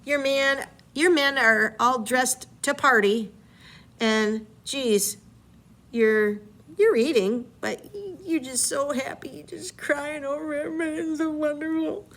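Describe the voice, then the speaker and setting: A woman's voice: high-pitched, takes it slowly, a bit bright, pitched above the performer's own voice, exaggerated voice. A woman voicing the immortal enchantress Circe, reading her lines aloud in a raised, dramatic way. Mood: petulant.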